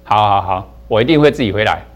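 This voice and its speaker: A man's voice: on the low side, animated, fast talker, close to an everyday voice. A man voicing a captive king who earnestly pleads that he must keep his promise. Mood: relieved.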